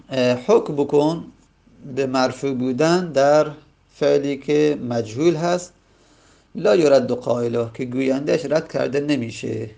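A man's voice: mid-range voice, creaky, a little mellow. A man teaching a grammar lesson with a Persian accent, explaining step by step and repeating each point in other words. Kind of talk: grammar lecture.

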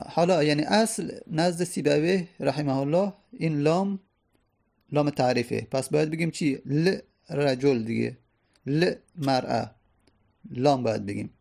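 Male teacher, raised pitch, gravelly edge; methodical lecture, asks and answers himself. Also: dark tone. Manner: explains step by step, repeats terms, asks and answers his own questions. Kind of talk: grammar lesson.

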